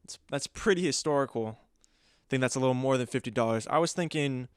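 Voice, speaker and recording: A man's voice: mid-range voice, a little fast, clean tone, no echo, clean studio sound, close to an everyday voice. Young man doing an earnest, hesitant seller. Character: earnest male customer selling a family heirloom.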